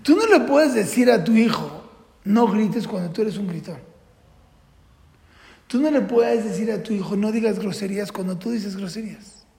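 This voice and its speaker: A man's voice: sits high, lively intonation, normal speed, gravelly, long pauses, a little mellow. A man lectures on parenting in an earnest, patterned way. He poses questions to the room and answers them himself. His voice rings through a reverberant hall. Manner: earnest, repeats rules in patterns, asks and answers own questions. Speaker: religious parenting teacher. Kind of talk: classroom lecture. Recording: echoey hall with long reverb.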